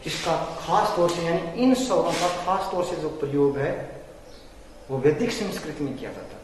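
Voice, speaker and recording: A man teaching Hindi grammar in a classroom-style lecture, explaining patiently and repeating terms slowly for his students. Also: on the high side, slight background noise. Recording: echoey room from far off.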